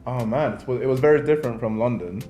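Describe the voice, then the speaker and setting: A man's voice: medium pitch, quick pace, warm tone, echoey room. A laid-back young man from Nigeria talks casually and jokes with his sister. His speech is slangy and easygoing, with music playing faintly behind him. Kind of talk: casual group interview.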